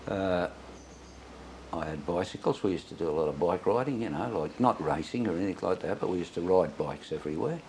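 A man's voice: deep voice, lively intonation, fairly quick, a little mellow, slight background noise. An elderly Australian man, an old veteran remembering his younger days in a rambling, anecdotal way for an oral history. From Sydney, Australia. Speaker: interviewee, war veteran.

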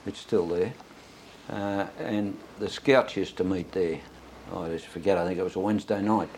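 A man's voice: sits low, normal speed, darkish tone, a little hiss or hum, low-quality recording. An elderly Australian man, an old veteran remembering his younger days in a rambling, anecdotal way for an oral history. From Sydney, Australia. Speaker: interviewee, war veteran.

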